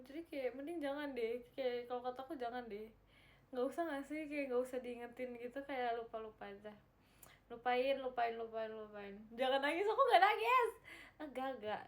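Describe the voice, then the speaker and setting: A young woman chatting casually on a livestream, reading viewer comments, giggling and repeating herself. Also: high voice. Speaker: livestream host reading chat.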